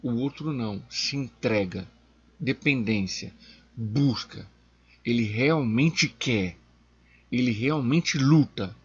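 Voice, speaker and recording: A man teaching from the Bible as a deacon, speaking slowly and emphatically and pushing his voice up on key words. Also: mid-range voice, breathy edge, dull audio. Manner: slow, emphatic, rising sharply on key words.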